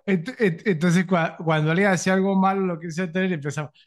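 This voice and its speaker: A man co-hosting a film podcast, chatty and easygoing in his delivery. His voice sits a little higher than most men's. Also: a little fast. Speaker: podcast co-host. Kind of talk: casual film podcast chat.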